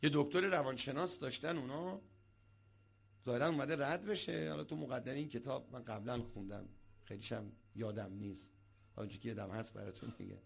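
A man, a cleric, preaching a sermon as an animated storyteller who acts out the people he quotes. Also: medium pitch, gravelly, breathy edge.

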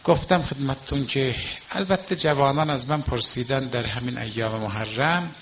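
An older male cleric delivers a mourning sermon in a gravelly voice, with a faint ambient hum behind him. He is emphatic, dropping to quiet asides and then lifting into raised exhortation. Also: mid-range voice. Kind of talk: Muharram mourning-night sermon.

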